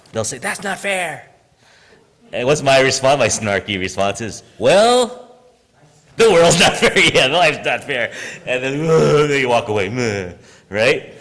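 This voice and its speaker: A man's voice: mid-range voice, a bit bright, long reverb tail. A man preaching a sermon in a church, conversational and self-deprecating, tagging lines with "right?" and laughing at himself. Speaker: preacher and high school teacher. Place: church sanctuary.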